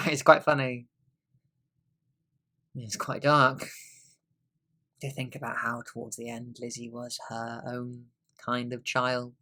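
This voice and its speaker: A man's voice: medium pitch, little pitch movement, slow pace, long pauses. Young man playing a weary sleepless husband. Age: young adult. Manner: rueful, wry, drifting into quiet asides. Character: weary middle-aged husband, sleepless and brooding. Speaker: student actor. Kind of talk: stage monologue.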